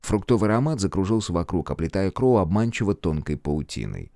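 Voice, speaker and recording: Deep-voiced male audiobook narrator. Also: big pitch swings, brisk, mellow, dry recording, clean studio sound. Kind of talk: scripted narration.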